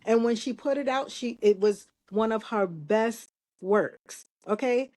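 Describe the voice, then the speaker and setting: A woman co-hosting a casual podcast chat, thinking out loud with restarts and emphatic asides. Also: a little high, unhurried. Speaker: podcast co-host.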